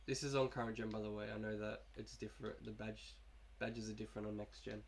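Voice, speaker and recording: A young man who's sick and coughing rambles casually about his game team for his gaming channel. He talks fast in a fairly low, creaky voice with little pitch movement, and there's a slight hiss or hum.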